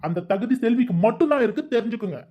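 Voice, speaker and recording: Someone voicing a defiant young cartoon son who argues back at his parents. The talk comes fast over a muffled, lo-fi recording. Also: mid-range voice, expressive, heavy background noise, close to an everyday voice. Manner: defiant, argumentative. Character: defiant young man in love.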